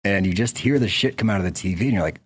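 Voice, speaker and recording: A man's voice: on the low side, racing, breathy edge. A man talking as a podcast guest, telling stories in a laid-back, slangy way. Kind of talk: casual conversation.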